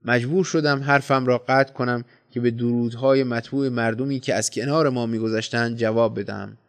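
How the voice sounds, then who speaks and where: A man narrates a literary tale in a measured, deliberate reading voice. His pitch sits in an ordinary middle range for a man. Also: steady tone. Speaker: audiobook narrator. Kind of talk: scripted story narration.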